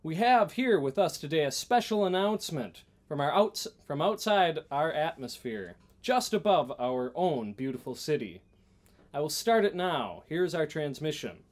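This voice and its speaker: A man's voice: on the high side, big pitch swings, normal speed. A man playing a pompous male small-town mayor giving a speech to citizens in a comedy sketch. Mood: grandiose.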